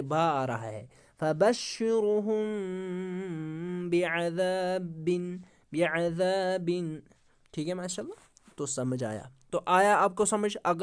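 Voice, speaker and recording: In this Quran tajweed lesson, a man whose voice sits high teaches the rules of recitation by posing questions and answering them himself. He draws example words out slowly and often offers praise with "mashallah."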